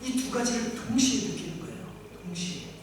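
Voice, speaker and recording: A woman pastor preaching with lively, dramatic delivery, slipping into the voices of the people and of God in her story. Her voice carries through a big echoing church sanctuary. It is picked up from a distance, with audible room noise. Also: fairly high pitch, fairly quick. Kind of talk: sermon. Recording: echoey church hall, mic far off.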